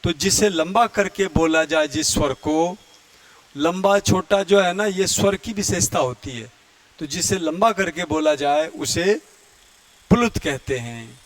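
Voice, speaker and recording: A man teaching Hindi grammar in a lecture, who often clears his throat and sings out vowels to show how they sound. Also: fairly high pitch, animated, dry recording. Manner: explains slowly, chants vowels and Sanskrit verse to demonstrate. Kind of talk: classroom lecture.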